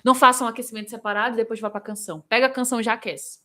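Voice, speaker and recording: Bright-voiced vocal coach woman. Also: fairly high pitch, racing. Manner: lively, demonstrative, breaks into vocal examples; answers viewers by name. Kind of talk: live-streamed singing lesson with Q&A.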